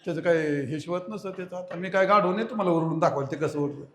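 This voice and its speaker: A man preaching a devotional sermon, telling a folk fable with humor and lively storytelling. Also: fairly high pitch, fast, slight background noise. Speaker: kirtan preacher. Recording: echoey hall.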